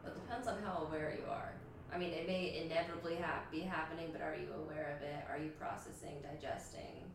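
A woman's voice: low-pitched, steady tone, fast talker, heavy reverb, far from the mic, noisy background. A woman co-hosting a podcast, chatting expressively and laughing easily. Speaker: podcast co-host. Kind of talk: casual conversation.

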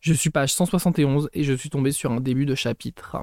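A man's voice: medium pitch, fairly quick, a little mellow, no echo, clean studio sound. A young man hosting a casual book podcast, chatting and reading passages aloud, self-deprecating and often tripping over words and correcting himself.

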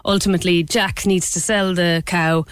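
A woman from County Clare with a west of Ireland accent, chatting casually and colloquially as a guest in a radio interview, animated and self-deprecating. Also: lowish voice, moderate pace, smooth, dry recording, studio quality. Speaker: interview guest, improv performer.

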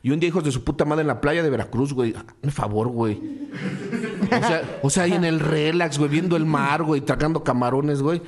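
A man's voice: fairly high pitch, fast talker, hardly any pauses, crowd noise. A man with a Mexican accent telling a crude, funny anecdote, swearing constantly. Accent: Mexican Spanish. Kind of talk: storytelling in a played clip. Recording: noisy clip.

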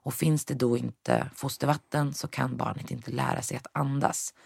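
Brief: young woman, guest, gravelly fry, dry close sound, storytelling that acts out the dialogue. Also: extremely low pitch, steady tone, a little mellow, no echo. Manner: retells events with quoted dialogue, mixes in English words. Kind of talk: personal storytelling in conversation.

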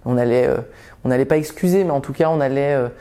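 A man's voice: mid-range voice, fast, mellow, clear, resonant tone. A man in his twenties telling his own life story in a podcast, hesitant, with many fillers and restarts. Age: 20s. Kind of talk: personal testimony podcast.

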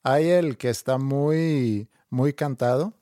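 A man's voice: mid-range voice, slow pace, warm tone, dry recording, clean studio sound. A Mexican man chatting casually in an easygoing, good-humored way. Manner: easygoing, chuckling, tries out accents. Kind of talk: casual chat.

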